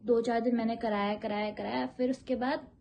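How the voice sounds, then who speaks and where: A woman's voice: fairly high pitch, steady tone, a little fast, gravelly, darkish tone. A young woman from India, a yoga teacher, chatting casually about her own life and often circling back to repeat herself. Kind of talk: casual personal storytelling.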